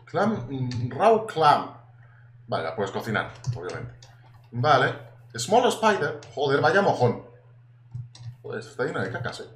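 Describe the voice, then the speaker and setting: A young man with a Spain Spanish accent giving casual, excitable gameplay commentary, swearing now and then and chatting to his viewers. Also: medium pitch. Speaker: gaming YouTuber. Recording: echoey room with faint noise.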